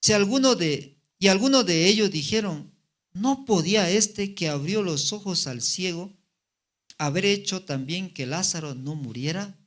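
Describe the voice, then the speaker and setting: A man's voice: sits high, animated, fairly bright tone. A man preaching a Sunday sermon, reading scripture aloud and breaking in with rhetorical questions to the congregation. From Bolivia. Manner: voice rises and slows for the quoted words. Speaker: evangelist preacher.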